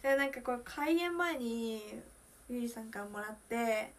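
A young woman in her twenties, chatting casually on a solo livestream, emotional and talkative, moving from loud bursts to hushed asides. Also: fairly high pitch, expressive, moderate pace. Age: 20s. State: near tears at times. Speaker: idol streamer.

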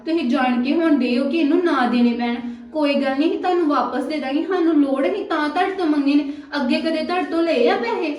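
Casting: a woman as a high-voiced, quarrelsome Punjabi sister-in-law, recorded far off in a very echoey room. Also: a little mellow, natural voice. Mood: complaining. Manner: quarrelsome, complaining, quick to take offence. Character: young married woman, sister-in-law demanding money, sharp-tongued. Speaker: actor in a family drama. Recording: very echoey room, mic at a distance.

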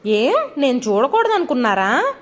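A woman doing a sharp-tongued nagging wife. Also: sits high, big pitch swings, normal speed. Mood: scolding. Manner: nagging, sarcastic, loud. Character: quarrelsome middle-aged wife, sharp-tongued.

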